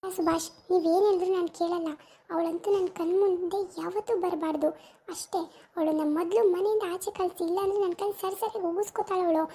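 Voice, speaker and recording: A bitter, jealous young wife who sneers and rages at her rival, as a woman plays her. The voice is very high but mellow and dark in tone. This is an amateur village drama. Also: fairly even intonation, a little fast. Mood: scornful. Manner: scornful, accusing, shouting insults.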